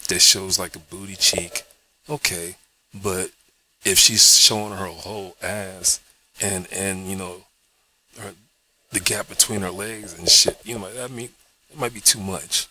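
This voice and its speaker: A man's voice: deep voice, bright, forceful tone. A man vlogging in a casual, rambling monologue, cursing often and checking in with "you know what I mean".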